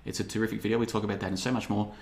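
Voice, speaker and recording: A man's voice: fairly low pitch, level tone, very fast, creaky. A man in his thirties hosting a livestream podcast, rambling and sarcastic, often mocking others in put-on voices. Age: 30s. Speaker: podcast host. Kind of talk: casual livestream monologue.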